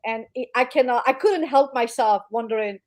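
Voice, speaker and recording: A woman's voice: a little high, moderate pace. A woman hosting a podcast interview, talking in an effusive, chatty way with frequent fillers. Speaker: podcast host. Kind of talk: casual interview chat.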